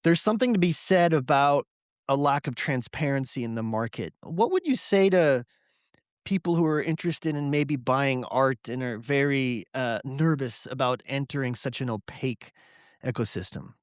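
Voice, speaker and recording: A man hosting a podcast interview, asking measured questions with many "you know"s. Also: mid-range voice, dry recording, clean studio sound. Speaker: podcast host.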